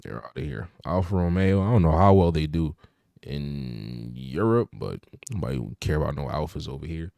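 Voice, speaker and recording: A man's voice: extremely low pitch, expressive, normal speed, creaky, dark tone, no room sound. A young man co-hosting a podcast, chatting casually about cars, laid-back with lots of "you know" fillers. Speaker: podcast co-host. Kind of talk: casual car chat.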